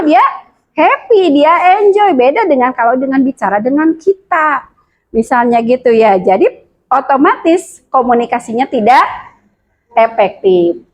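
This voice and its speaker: Lively high-voiced Sundanese woman teaching. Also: moderate pace, low-quality recording. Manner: lively, addresses the class with frequent questions. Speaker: teacher at a women's school. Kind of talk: classroom lecture to mothers.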